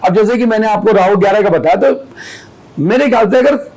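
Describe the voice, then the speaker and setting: A man's voice: sits high, fairly quick, darkish tone, rough recording. A man speaking as an astrologer guest on a podcast, explaining steadily with everyday examples from family and school life.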